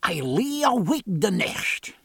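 A tipsy, garrulous Scottish ship's surgeon's mate who rolls his R's and leans into a thick brogue, as a male narrator puts him on. His voice sits high and swoops with lively pitch, carrying a slight huskiness, recorded close and dry. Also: takes it slowly, husky, no echo, heavily acted. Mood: dreamy rambling. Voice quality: broad brogue with rolling R's, loquacious.

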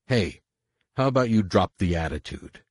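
A man's voice: lowish voice, expressive, moderate pace, a little mellow, breathy edge, no echo, voice pushed up. A man doing a brash, hot-tempered pilot. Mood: angry. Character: hot-tempered roguish male starship pilot.

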